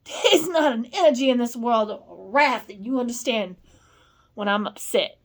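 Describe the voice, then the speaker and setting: A woman with a fairly high voice talks in a loose, rambling monologue. She is blunt and swears freely. She drops to low murmurs, then rises into loud scolding. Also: moderate pace. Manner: blunt and profane. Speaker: vlogger.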